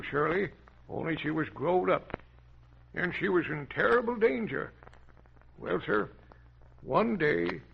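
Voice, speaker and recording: A gravelly old adventurer captain on an old radio show. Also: male voice, on the high side. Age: older. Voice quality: gravelly, folksy, chuckling. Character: old adventurer captain telling children his tales. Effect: old radio show sound. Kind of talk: 1930s radio acting. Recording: dull lo-fi old radio recording with faint hiss.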